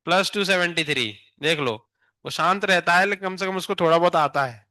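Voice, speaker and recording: A male teacher with an Indian accent quizzes his class in a high, sharp voice, teasing students who stand up to answer. The sound is close and dry, with no room echo. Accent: Indian English. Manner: questions students rapid-fire, teasing. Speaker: physics teacher. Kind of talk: classroom lecture with questioning.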